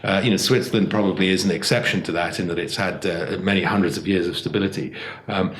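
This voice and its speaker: A British man on a political panel talks fast in a low-pitched voice, using lots of fillers and restarting his sentences. The room is echoey, with faint background noise.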